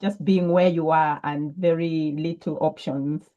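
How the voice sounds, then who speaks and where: Soft-spoken woman from Zambia, mellow. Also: sits low, fairly even intonation, measured pace, muffled recording. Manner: thoughtful, with frequent ums and restarts. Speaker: guest entrepreneur. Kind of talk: reflective interview answers.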